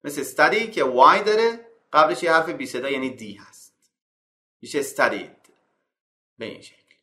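A man teaching English grammar from slides, reading each English rule slowly and then explaining it in casual Persian. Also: lively intonation, sharp tone, echoey room. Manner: calls out example verbs on a higher note. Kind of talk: slide-based grammar lesson.

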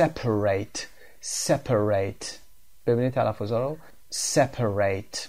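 Persian guy teaching english words, mid pitch, says the english bits slowly. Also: gravelly, a little mellow. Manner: slow, careful when reading English examples. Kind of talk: explaining English vocabulary and pronunciation.

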